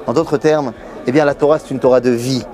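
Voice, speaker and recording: A middle-aged man giving a lively Torah lesson to camera in a busy yeshiva study hall, telling it like a story. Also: mid-range voice, brisk, a faint crowd. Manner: lively storyteller, acts out quoted voices. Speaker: Torah teacher.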